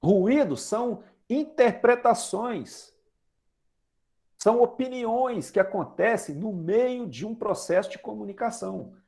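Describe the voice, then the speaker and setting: A Brazilian lay preacher in his forties speaks slowly in a high, creaky, slightly mellow voice with a Brazilian Portuguese accent. His sermon is chatty, full of questions to the congregation and everyday examples.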